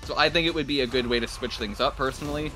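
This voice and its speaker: A man's voice: medium pitch, quick pace, sharp tone, faint music behind. A man from Canada casting a live game stream, explaining at length and laughing often. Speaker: esports caster. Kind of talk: casual live-stream commentary.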